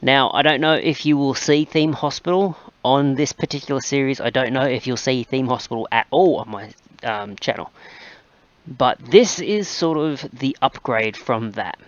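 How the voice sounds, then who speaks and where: A man's voice: medium pitch, normal speed, no room sound, dull audio. A man hosting a gaming channel, chatting casually and rambling with plenty of fillers as he plays. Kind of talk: casual gameplay commentary.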